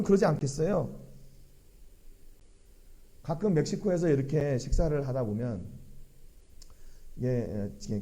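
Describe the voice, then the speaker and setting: A man's voice: medium pitch, mellow. A middle-aged man preaching a sermon in a church, asking the congregation earnest rhetorical questions. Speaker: pastor.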